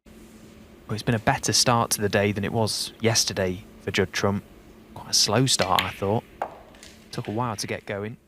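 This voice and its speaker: A man giving understated, unhurried live snooker commentary, shot by shot. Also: on the low side, fairly even intonation. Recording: noisy, clicks behind the voice.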